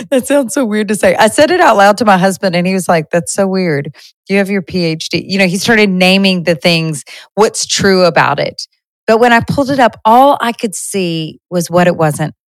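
A woman's voice: fairly low pitch, no room sound, rough recording. A woman in her thirties hosting a podcast, giving an earnest, conversational faith talk to her listeners with frequent restarts. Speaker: podcast host.

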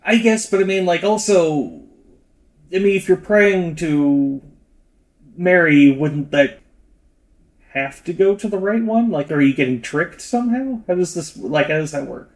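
A man's voice: high voice, lively intonation, unhurried, poor audio. A man co-hosting a podcast in casual chat, with a loose, wry and hedging way of talking. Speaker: podcast co-host.

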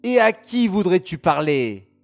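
A shrill, suspicious old witch demands who has come into her den, as a man puts her on in a children's story. The voice is high and piercing, with a gravelly edge. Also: very animated, measured pace, faint music behind, exaggerated voice. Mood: probing.

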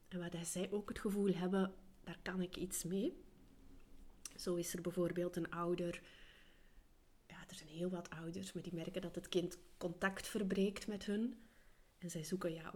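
A Flemish woman hosts a solo podcast while she is ill, so her weakened voice keeps slipping into a whisper. She speaks calmly and earnestly in a fairly low register, pausing to think. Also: slightly rough. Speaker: podcast host and coach for separated parents.

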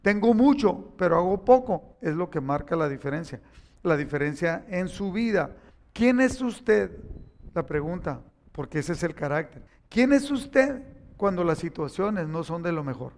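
A man's voice: high voice, lively intonation, measured pace, vocal fry, a little mellow. An older man with a Mexican accent preaching a sermon, emphatic and repetitive, speaking directly to his listeners.

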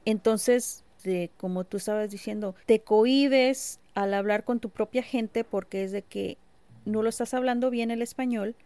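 Woman, gravelly, measured, reflective podcast co-host. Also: a little high, dark tone, no room sound. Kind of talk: casual conversation.

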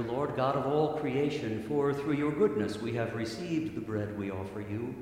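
Male priest saying Mass, medium pitch, solemn and measured, long cathedral reverb. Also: a little mellow. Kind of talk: solemn liturgical prayer recitation. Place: large echoing church. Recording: cathedral-like echo, long reverb, clear background noise.

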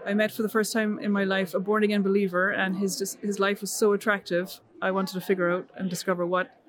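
A woman's voice: medium pitch, level tone, a little fast. A middle-aged woman from Ireland, earnestly telling her story as a missionary guest in a conversational interview. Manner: earnest, with frequent restarts and fillers.

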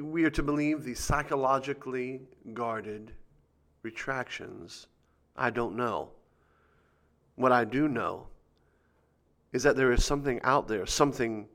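A man's voice: medium pitch, a bit bright. A man hosting a conspiracy show, reading scripted commentary with dramatic emphasis and rhetorical questions.

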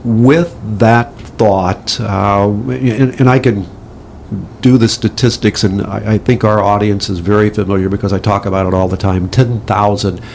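A man's voice: fairly low pitch, steady tone, measured pace, creaky, darkish tone, a little hiss or hum. A man hosting a business interview podcast, opening with an emphatic announcer style and asking his guest questions. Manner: enthusiastic, emphatic announcer delivery. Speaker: podcast host. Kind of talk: upbeat interview host.

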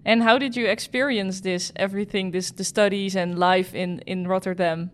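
A woman's voice: mid-range voice, fairly even intonation, normal speed, slight background noise. A woman hosting a podcast interview, encouraging her guest with short replies. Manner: encouraging, frequent short backchannels. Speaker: podcast host.

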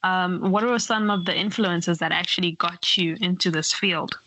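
A woman's voice: on the low side, steady tone, normal speed, sharp tone, no room sound, low-quality recording. A woman hosting a podcast interview, upbeat and encouraging with her guest. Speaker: podcast host.

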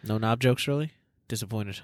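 A man's voice: lowish voice, brisk, no room sound, studio quality. A man co-hosting a podcast in casual chat, teasing his partner, swearing a lot and laughing often, talking into a headset. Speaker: podcast co-host.

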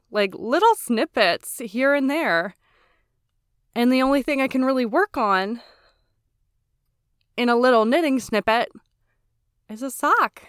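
A woman hosts a solo podcast in a smooth, resonant voice that sits a little high. She chats candidly, pokes fun at herself, and drops swear words without pause. The recording is dry and close, with no room sound. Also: fairly bright tone, no room sound. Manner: chatty, candid, self-mocking, swears freely. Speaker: podcast host. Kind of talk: casual solo podcast chat.

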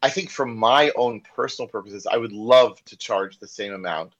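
On slightly dull lo-fi audio, a man from the United States talks at normal speed in a lowish voice with a fairly bright tone. He is a corporate trainer and podcast guest recounting a candid story casually, acting out the dialogue he quotes.

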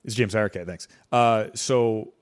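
Young guy hosting a podcast, lowish voice, chatty, lots of ums and do-overs. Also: steady tone, normal speed, clean tone. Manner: rambling, self-correcting, heavy on fillers. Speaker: podcast host. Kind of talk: casual chat and teaching.

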